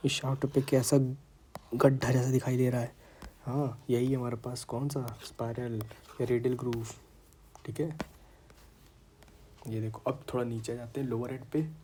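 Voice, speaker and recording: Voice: medium pitch, warm tone, a little hiss or hum, low-quality recording. An anatomy tutor with a sore throat, giving a casual online lecture in a chatty way and repeating terms for students.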